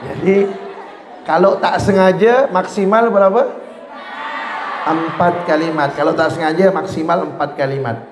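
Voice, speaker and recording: A religious teacher with a voice on the high side gives a humorous lesson, speaking a little slowly, pausing often, and acting out little scenes in quoted voices. It's recorded in an echoey lecture hall with faint noise and crowd sounds.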